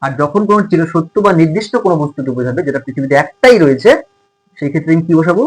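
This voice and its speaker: A man's voice: a little high, lively intonation, rapid-fire, slightly rough, poor audio. A male tutor with a Bengali accent teaching a grammar lesson, asking his students questions and answering them himself.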